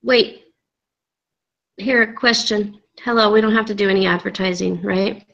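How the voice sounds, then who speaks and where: A woman's voice: medium pitch, steady tone, a little slow, vocal fry, a bit bright, muffled recording. A woman student in a group study video call, reading a task aloud while her call audio glitches and breaks up. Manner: reads task text aloud, then talks it through. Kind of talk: casual chat over a video call.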